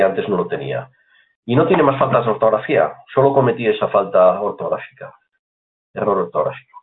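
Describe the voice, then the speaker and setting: A man walks learners through software step by step. His pitch moves a lot as he explains, and he keeps asking if they are following. The sound is tinny and narrow, like a phone line. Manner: chatty, repeats points, asks "¿vale?" often. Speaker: computer course teacher. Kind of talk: screen-recorded software tutorial.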